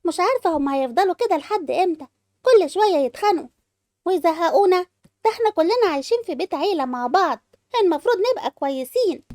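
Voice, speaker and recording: A woman with an Egyptian accent voicing a chatty, fretful teenage girl in an animated home-made family drama. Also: very high-pitched, fast talker, no room sound. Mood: worried. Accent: Egyptian Arabic. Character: young girl, chatty and fretful teen niece.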